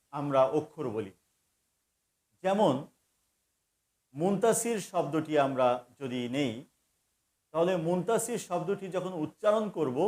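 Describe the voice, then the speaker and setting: A man giving a grammar lesson, stating each rule deliberately and repeating it. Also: sits high, a little mellow. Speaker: grammar teacher.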